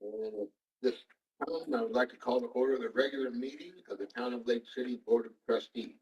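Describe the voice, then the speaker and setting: A man chairing a town board meeting, running through the agenda in a brisk, procedural way. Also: medium pitch, fairly even intonation, a little mellow, muffled recording. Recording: roomy hall, mic far off.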